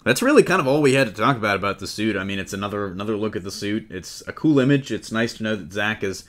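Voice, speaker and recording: A podcast host with a fairly low, slightly bright voice leads a casual entertainment news discussion, quizzing his co-hosts conversationally. He speaks fast and animatedly.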